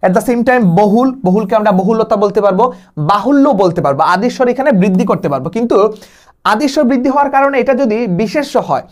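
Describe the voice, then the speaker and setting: A man's voice: high voice, expressive, fast talker. A young man from Bangladesh giving an exam-prep lecture, explaining step by step and dropping English words in. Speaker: admission test tutor.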